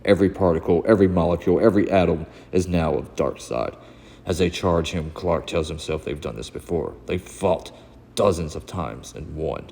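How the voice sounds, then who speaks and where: In an echoey indoor room with audible background noise, a man runs a comic book channel, chatting like a vlogger and narrating a comic read-aloud dramatically. His voice is low-pitched, gravelly and dark, at a moderate pace.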